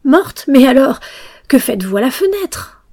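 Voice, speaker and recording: A woman voicing a frightened wooden puppet boy who pleads in a raised, higher, tearful voice. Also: sing-song, normal speed, dark tone, slightly rough, full character voice. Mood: desperate.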